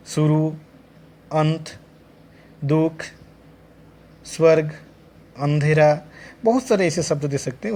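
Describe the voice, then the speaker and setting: A man's voice: on the high side, warm tone. A middle-aged man lecturing teacher trainees, listing examples one word at a time with frequent restarts. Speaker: teacher educator. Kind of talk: classroom lecture.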